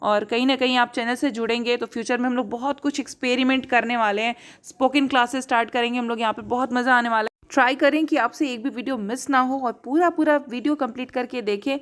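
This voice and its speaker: High-voiced Indian woman teaching grammar. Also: steady tone, quick pace, few pauses. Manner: emphatic, repeats key words, asks rhetorical checks. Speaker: English teacher. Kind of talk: explanatory lesson.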